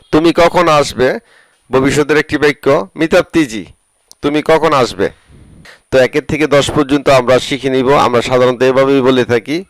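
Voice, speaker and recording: A man teaching vocabulary, saying each phrase slowly and repeating it with its translation. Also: medium pitch, no room sound. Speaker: language teacher. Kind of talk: slow phrase-by-phrase vocabulary lesson.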